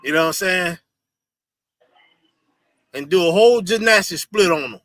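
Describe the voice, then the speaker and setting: A man's voice: high voice, moderate pace, no echo. A man hosting a casual livestream, commenting emphatically on a video and repeating his phrases. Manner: loud, emphatic, repeats phrases and laughs often. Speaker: host reacting to a video.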